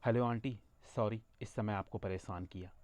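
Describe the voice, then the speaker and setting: A man's voice: on the low side, steady tone, normal speed, darkish tone, no echo, close to an everyday voice. A man voicing a polite young woman who speaks a little hesitantly to her older neighbor.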